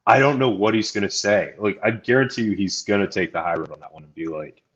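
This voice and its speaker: A laid-back podcast co-host with a fairly low voice who chats casually and laughs along with the host. His sound comes through dull and lo-fi, like a remote connection. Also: quick pace. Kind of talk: casual livestream podcast chat.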